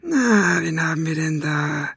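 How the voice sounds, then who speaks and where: A man voicing a menacing male thug who drawls his words slowly and threateningly quietly. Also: a little high, lively intonation, gravelly, slightly rough, no room sound, studio quality, voice pushed up, exaggerated voice. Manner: slow, drawn-out, threateningly quiet. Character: sneering menacing male thug, fox-faced.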